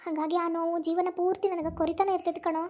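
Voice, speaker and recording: Woman as weepy protective cartoon mother, North Karnataka accent, high voice, very rapid speech. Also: flat delivery, warm tone. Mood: tearful. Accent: North Karnataka Kannada. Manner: tearful, anxious, protective. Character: grieving mother reunited with her son. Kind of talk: cartoon voice acting.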